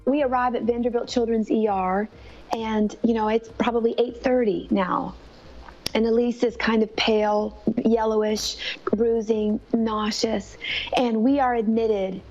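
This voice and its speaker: A woman's voice: fairly high pitch, steady tone, a little slow, darkish tone. A woman telling a personal story of faith in an earnest, conversational way. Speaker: mother telling her daughter's illness story. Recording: slightly dull, lo-fi sound.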